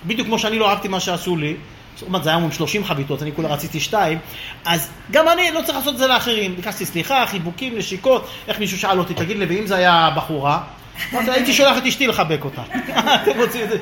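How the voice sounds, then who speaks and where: High bright guy preaching, animated storytelling, echoey room. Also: slight background noise. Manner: lively, acts out quoted voices. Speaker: religious lecturer. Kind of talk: humorous storytelling sermon.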